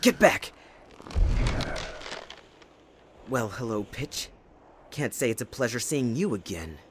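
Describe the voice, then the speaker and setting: A man playing Jack Frost, a playful, possessive young winter spirit, with a husky voice in a dramatic, intimate ASMR roleplay. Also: mid-range voice, very animated, normal speed, a little hiss or hum, close to an everyday voice. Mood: defiant. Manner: teasing, dramatic, addressing the listener closely.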